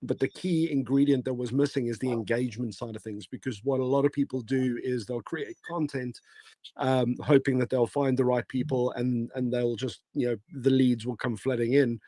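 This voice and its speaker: A man with a hoarse, failing voice giving casual, rambling advice as a guest in a live online audio room, with many fillers and restarts. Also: mid-range voice, fairly even intonation, normal speed, warm tone, dry recording. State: hoarse, losing his voice. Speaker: guest speaker.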